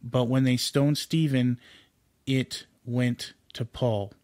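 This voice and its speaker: A man's voice: mid-range voice, fairly even intonation, slow, darkish tone, dry recording, studio quality. A man giving an informal home Bible study, earnest and unscripted, with fillers and restarts as he explains scripture.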